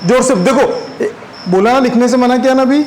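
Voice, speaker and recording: A man's voice: very high voice, brisk, darkish tone, slight background noise, poor audio. A man teaching a physics class, chatty and constantly quizzing his students. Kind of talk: classroom lecture.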